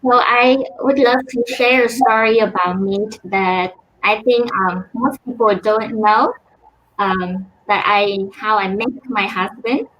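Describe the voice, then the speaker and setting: A woman's voice: medium pitch, takes it slowly, lo-fi sound, slight background noise. A woman, from Vietnam, studying social work, speaking shyly and hesitantly. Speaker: social work graduate student.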